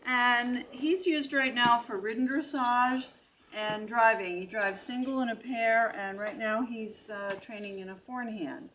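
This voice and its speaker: A woman introducing her horse at an outdoor clinic, chatty and a little halting, recorded by a distant camera. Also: on the high side, steady tone, fairly bright tone, a little hiss or hum. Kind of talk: casual introduction.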